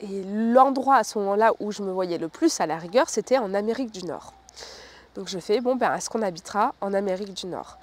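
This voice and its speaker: Woman from France, 30s, relaxed chatty vlogger telling a personal story, often hesitant, speaks softly at times. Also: brisk. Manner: chatty, many fillers, lowers her voice at times. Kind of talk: casual storytelling to camera.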